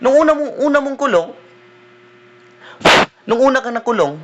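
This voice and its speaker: A man, a deliverance minister preaching a sermon in a conversational way, often checking in with the listeners with a quick "no?". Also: very high-pitched, lively intonation, muffled recording, a little hiss or hum. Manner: conversational preaching, mixing in English phrases, frequent "no?" tag questions.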